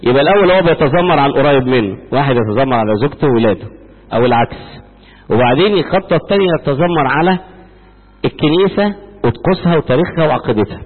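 A man's voice: on the high side, slightly rough, in a large hall, phone-quality sound. A man preaching a church sermon in an Egyptian accent, firing rhetorical questions at the congregation. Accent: Egyptian Arabic.

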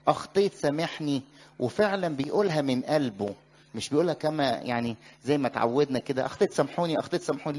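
Man, Egyptian accent, sermon, slightly high voice, questions to listeners. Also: a little mellow. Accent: Egyptian Arabic. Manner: asks the listeners questions and lets them finish his sentences. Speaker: church teacher.

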